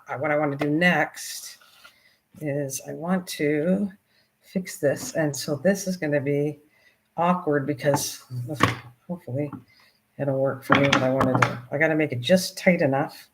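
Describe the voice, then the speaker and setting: A woman's voice: sits low, steady tone, a little slow, rough recording. An older woman hosting a casual craft livestream, rambling and talking to herself and her viewers as she works. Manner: chatty, rambling, talks to herself and her viewers while working. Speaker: livestream host.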